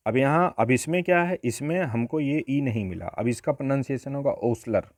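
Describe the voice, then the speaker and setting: A man teaches an exam-prep grammar lesson at a mid pitch. He works through each point step by step, often pausing on rhetorical questions. The voice sounds dry and close, with little room sound. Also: animated, dry recording.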